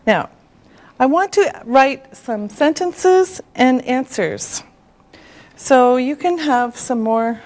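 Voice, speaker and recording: A woman's voice: high voice, lively intonation, takes it slowly, a little mellow. A woman teaching a beginner language lesson, speaking with careful enunciation and repetitive drilling. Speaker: English teacher.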